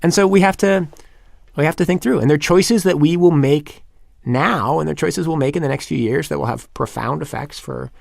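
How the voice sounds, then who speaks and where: A man with a gravelly voice talks as a podcast guest, thinking aloud and circling back on himself. The sound is dry and close to the mic. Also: fairly high pitch, fairly quick, no echo. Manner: thoughtful, rambling, many restarts. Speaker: podcast guest, magazine editor. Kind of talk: casual podcast interview.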